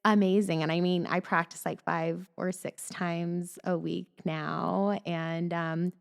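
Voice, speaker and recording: A woman's voice: lowish voice, flat delivery, slow pace, creaky, clear, resonant tone. Reflective woman guest, laughing easily. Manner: open, reflective, laughs often. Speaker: podcast guest. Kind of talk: casual chat.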